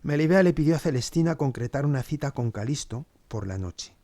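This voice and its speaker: Man as a sardonic manservant, mid-pitched, dry close sound, storybook podcast. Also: expressive, fairly quick, warm tone, no room sound, close to an everyday voice. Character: Sosia, wry cynical male servant. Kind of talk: scripted two-hander narration.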